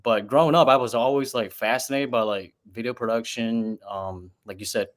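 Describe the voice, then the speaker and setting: A man from Wisconsin talks in an easygoing, casual way as a guest on a livestream. He is a husband and father. His voice sits at an ordinary pitch. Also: fairly even intonation, moderate pace. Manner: easygoing, laughs often, says dude. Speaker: guest content creator.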